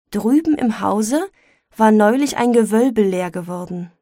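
A woman reading a classic story aloud as narrator, measured and expressive. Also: a little high, no room sound, clean studio sound.

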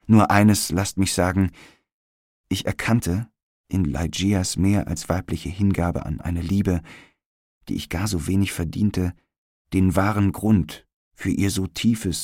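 A man narrating a gothic tale in a solemn, measured way with dramatic pauses. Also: deep voice, a little mellow, no echo, studio quality.

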